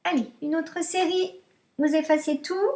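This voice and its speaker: Casting: female primary teacher, high voice, very unhurried, dictating and repeating clearly for young children. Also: fairly even intonation, darkish tone. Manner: dictating, repeating numbers and instructions with deliberate articulation. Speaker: primary school maths teacher. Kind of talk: dictation exercise for young pupils.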